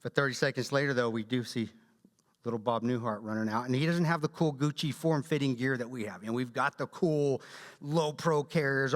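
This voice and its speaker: A man giving a talk at a church, telling a combat story in an animated way and acting out quotes. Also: medium pitch. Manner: animated storyteller, acts out quotes, laughs often. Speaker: guest speaker. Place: church hall. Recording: long hall reverb.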